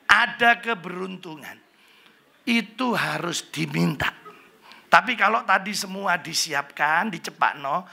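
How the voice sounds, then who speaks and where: A middle-aged pastor with a high, creaky, pushed and bright voice preaches a humorous sermon in a church hall. He is chatty and joking, slips into Javanese, and mimics Chinese greetings.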